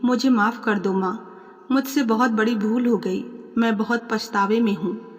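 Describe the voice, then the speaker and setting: A woman's voice: a little high, fairly even intonation, a little slow, in a large hall, soft background music, natural voice. A woman voicing a remorseful young daughter who pleads tearfully for forgiveness.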